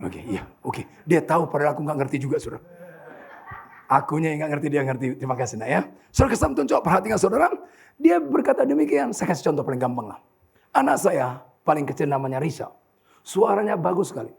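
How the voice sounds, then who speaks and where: A man in his sixties with an Indonesian accent, preaching a sermon in a church and often calling out to the congregation, sometimes shouting at its peaks. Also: on the high side, fast talker. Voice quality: gravelly, husky. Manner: animated preaching, addresses congregation as saudara, shouts at climaxes. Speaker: pastor. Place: church hall.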